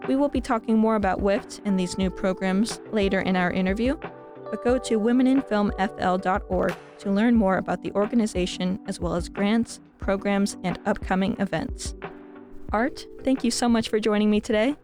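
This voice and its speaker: A woman's voice: mid-range voice, normal speed, music in the background. A woman hosting a film podcast, introducing and interviewing a guest with enthusiasm. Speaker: podcast host.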